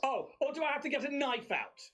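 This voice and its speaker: A man's voice: very high voice, lively intonation, quick pace, a bit bright, voice pushed up. A man voicing a haughty, petulant noble vampire in a tabletop game, exasperated and pompous. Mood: threatening. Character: indignant, haughty noble vampire having a bad day.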